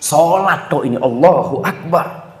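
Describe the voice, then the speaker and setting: Male preacher, storytelling sermon, fairly high voice, echoing hall. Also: measured pace. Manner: storytelling, acting out quoted voices with sharp pitch jumps; addresses the congregation directly. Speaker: Islamic preacher. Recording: roomy hall reverb.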